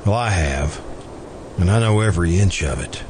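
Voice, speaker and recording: The performer, a man with a deep, expressive voice, plays a soft-spoken, lovesick murderer in old-time American radio drama. He stays calm, polite and deferential while stubborn underneath, speaking haltingly on an amateur recording full of noticeable background noise.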